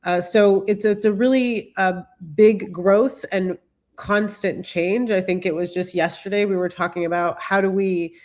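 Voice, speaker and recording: A woman's voice: mid-range voice, steady tone, measured pace, a little mellow. A woman who is a bit sick and congested, giving a presentation as a guest expert, with many fillers and restarts. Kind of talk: presentation talk.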